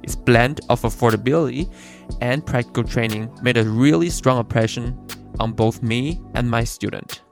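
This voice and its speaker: Man, podcast host, medium pitch, creaky voice, conversational presenting style. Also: normal speed, faint music behind. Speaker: podcast host, college counselor. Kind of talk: podcast introduction and casual interview.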